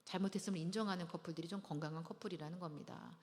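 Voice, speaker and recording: A middle-aged woman teaching a church marriage-preparation class in a lively, dramatic way, acting out little scenes and having the audience repeat after her. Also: lowish voice, racing. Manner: lively, dramatic, acts out little scenes, leads call-and-response. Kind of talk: church lecture to engaged couples. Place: church hall. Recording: long hall reverb.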